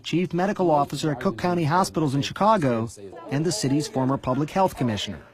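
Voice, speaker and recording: A male reporter narrating a scripted news story in a measured, deliberate way. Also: on the high side.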